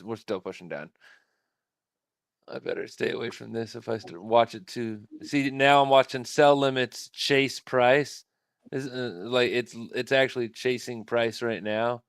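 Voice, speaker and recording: A man's voice: mid-range voice, fairly even intonation, a little slow, clean tone, dry recording, studio quality. A man hosting a live trading stream, thinking aloud at his computer in a casual, rambling way.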